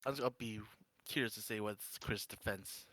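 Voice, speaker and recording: A man chatting casually in a halting way, as if thinking aloud. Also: fairly low pitch, pushed and bright, no room sound. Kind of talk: casual group chat. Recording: faint noise and clicks.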